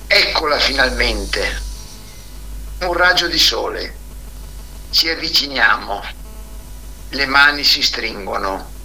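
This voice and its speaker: Man, caller on speakerphone, slow gentle reader, bright edgy tone. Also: mid-range voice, creaky, a little hiss or hum, rough recording. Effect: caller heard over speakerphone. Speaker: caller reading his own poems.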